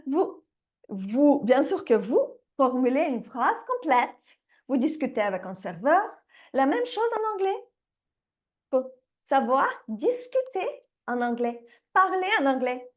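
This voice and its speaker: A woman who teaches English to young children, talking straight to parents in a lively online lesson. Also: sits high. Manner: lively, addresses parents directly, laughs now and then. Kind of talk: direct-to-camera online lesson pitch.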